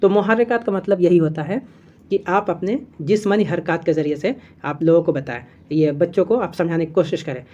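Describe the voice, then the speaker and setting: A woman's voice: lowish voice, brisk, dark tone, lo-fi sound. A woman teaching an exam-prep lesson, reading from notes and explaining step by step, with fillers and self-corrections as she repeats key terms.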